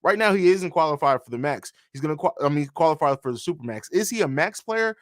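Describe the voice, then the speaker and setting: A man's voice: a little high, lively intonation, quick pace, dry recording, studio quality. A man hosting a live stream, chatting casually and answering viewer comments with frequent fillers. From grew up in Italy and Germany. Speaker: podcast host.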